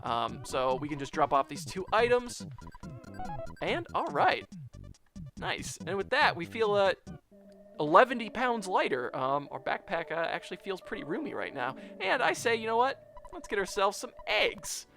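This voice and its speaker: A man's voice: high-pitched, big pitch swings, normal speed, vocal fry, music in the background. A man giving casual, rambling let's play commentary on a video game, chatting to his viewers. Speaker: gameplay video host.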